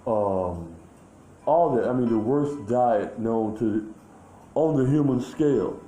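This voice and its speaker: A man talking in a rambling, halting way, full of fillers and restarts, in a casual monologue recorded outdoors. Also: medium pitch, warm tone, echoey room, soft background music, rough recording.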